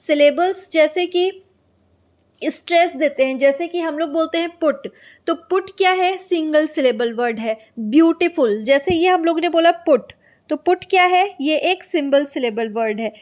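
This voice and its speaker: A woman teaches a lesson for exam prep. She reads out lines from her notes at a slow, careful pace, then explains them in Hindi. She keeps asking herself questions and answering them. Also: sits high, darkish tone.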